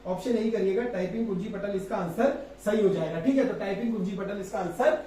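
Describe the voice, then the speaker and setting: A man teaching as an exam coach, going over practice test answers and spelling words out slowly, with a filler he repeats often. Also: high voice, warm tone. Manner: repetitive, drawn-out spelling of words, frequent filler "thik hai". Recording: very echoey room, distant mic, faint noise.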